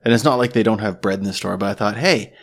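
A man with a lowish voice talks casually with a friend over beers, spinning jokes and everyday stories at an easy pace. He sounds like a relaxed podcast co-host. The room around him has a bit of echo. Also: quick pace. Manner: joking, talkative storyteller. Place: echoey cottage room.

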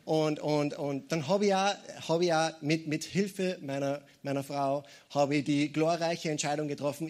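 A man preaching a sermon, lively and jokey, often breaking into calls of praise. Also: sits high.

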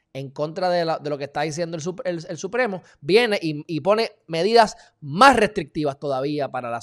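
A man with a Puerto Rican accent giving emphatic, heated commentary in a casual live video, talking straight to his viewers with sudden loud bursts. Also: fairly high pitch. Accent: Puerto Rican Spanish. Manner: informal, addresses viewers as "mi gente". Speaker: live-stream political commentator.

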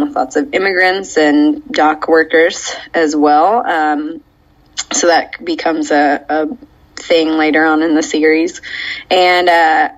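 A woman co-hosting a podcast, explaining a show at length with many ums and frequent laughs. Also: low voice. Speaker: podcast co-host. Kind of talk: casual chat, recapping a show. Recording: dull lo-fi audio.

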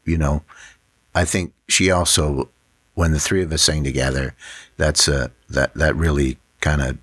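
A man's voice: very deep voice, fairly even intonation, moderate pace, fairly bright tone, breathy edge, dry recording. A man, a songwriter, talking thoughtfully and hesitantly in an interview, with many fillers. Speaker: songwriter and musician, interview guest. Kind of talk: casual interview chat. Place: studio.

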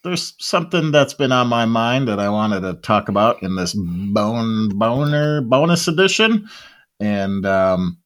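Middle-aged male podcast host, lowish voice. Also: lively intonation, measured pace. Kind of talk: casual podcast banter.

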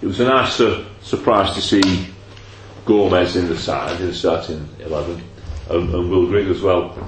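A man's voice: low-pitched, moderate pace. A man with a bit of a cold hosting a casual football podcast, rambling and joking with fillers, his voice ringing with strong room echo. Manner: rambling, jokey, trails off with fillers. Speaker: podcast host. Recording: echoey room with faint noise.

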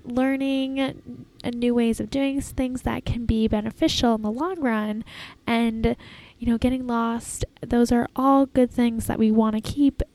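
High-voiced woman podcasting from an airport terminal. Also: steady tone, measured pace, darkish tone, rough recording. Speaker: podcast host. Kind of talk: casual solo podcast talk, self-help advice.

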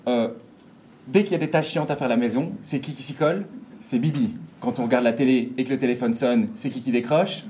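Mellow man telling a story. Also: medium pitch, brisk, a little hiss or hum. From Belgium. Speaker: storyteller performing an autobiographical monologue. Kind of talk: dramatic first-person stage storytelling.

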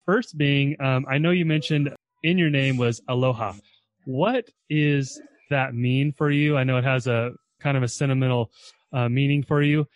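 A man's voice: mid-range voice, steady tone, moderate pace, muffled recording. A man hosting a podcast, talking to listeners and his guest in an upbeat, conversational way with casual fillers. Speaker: podcast host. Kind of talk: podcast interview.

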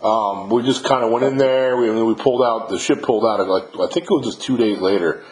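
Fast-talking man host with a roomy echo. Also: medium pitch, darkish tone. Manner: easygoing, says "man" a lot. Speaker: podcast host. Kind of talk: casual interview.

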